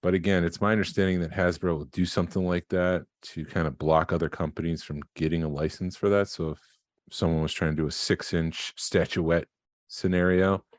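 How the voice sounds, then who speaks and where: A man's voice: low voice, flat delivery, fairly quick, dry recording, studio quality. A man co-hosting a collecting podcast in casual chat, explaining things in a matter-of-fact way. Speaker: podcast co-host.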